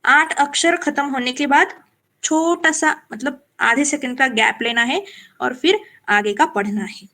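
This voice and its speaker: A woman teaching Sanskrit verse recitation in a live class, explaining patiently, checking that students follow, and chanting lines slowly as examples. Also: sits high, bright, forceful tone.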